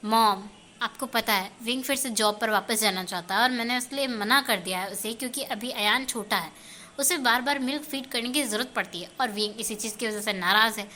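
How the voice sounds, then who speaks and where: A woman's voice: a little high, fairly quick, pushed and bright, a little hiss or hum. A woman voicing a stern young husband who scolds and is exasperated. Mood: pleading.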